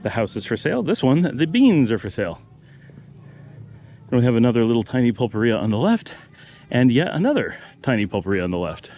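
This walking-tour vlogger, a middle-aged man, talks fairly quickly in a mid-range voice, casually pointing out houses and shops as he strolls neighborhood streets outdoors. His manner is relaxed, though the recording sounds dull with a bit of hiss or hum.

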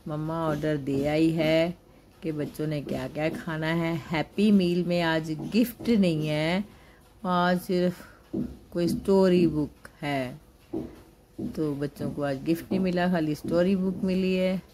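This is casual vlog narration from an older woman, a grandmother, describing a family trip through a bustling indoor mall in a homely manner. Her dark, low voice is unhurried and fairly even in intonation. She records on a handheld phone camera, with a little hiss or hum audible.

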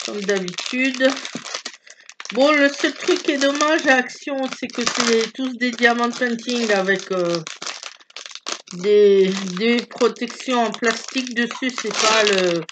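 A woman's voice: a little high, slow pace, background noise. A middle-aged woman hosting a casual craft vlog, talking in a chatty, hesitant way with many fillers and restarts while showing products at home. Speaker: craft vlogger. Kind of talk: casual product show-and-tell. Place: at home, filming her hands.

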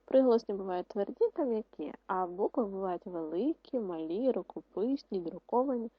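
A woman teacher giving an online lesson to second graders, speaking slowly and clearly and sounding out vowels one by one. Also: medium pitch, animated, no echo, dull audio. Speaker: primary school teacher.

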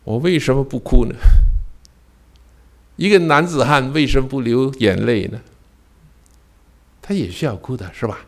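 An older pastor preaches a sermon built around a personal story, lurching from loud cries to hushed near-whispers and throwing rhetorical questions at the congregation. His pitch is medium, his pace moderate, and he leaves long pauses.

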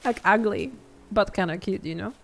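A woman's voice: medium pitch, normal speed, vocal fry. A woman streamer chatting with her viewers while she plays, giggling, swearing and easily distracted. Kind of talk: live-stream game commentary.

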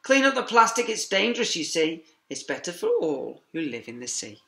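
With a high-pitched voice, some vocal fry, and a moderate pace, a middle-aged teacher reads a rhyming picture book to young children in a lively, sing-song way. He adds quiet asides, and the clip is filmed on a laptop webcam in an echoey classroom.

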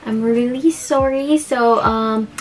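Speaking slowly in a slightly high voice, this young woman from the Philippines, with a Filipino accent, walks viewers through her beauty haul. As a beauty vlogger she keeps it casual and chatty, giggling and restarting often amid plenty of ums.

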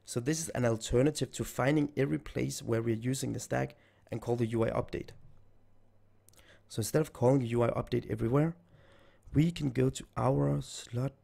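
Brisk and steady, a man with a warm, medium-pitched voice and vocal fry narrates a screen-recorded coding tutorial. He's a programming tutor who is almost out of voice, thinking aloud as he types.

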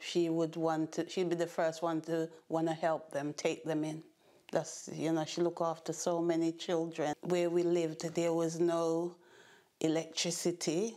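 Low, flat-voiced woman in her sixties. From Jamaica. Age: 60s. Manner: halting, with fillers and restarts. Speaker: interviewee. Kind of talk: recollecting childhood in an interview. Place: bright living room with bookshelves. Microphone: seated on a sofa, filmed from the front.

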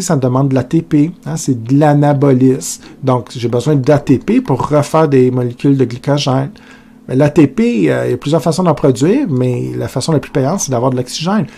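A man's voice: medium pitch, normal speed, creaky, dark tone, slightly rough. A male teacher with a Québécois accent explaining a lesson in a conversational way, speaking to students directly and asking questions aloud. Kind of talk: recorded lecture video.

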